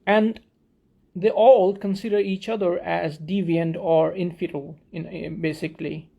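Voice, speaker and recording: A man's voice: sits high, steady tone, measured pace, vocal fry, warm tone, highs cut off. A man from Pakistan explaining a theory in a thoughtful talk, often restarting and repeating words as he searches for phrasing. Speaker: video essayist.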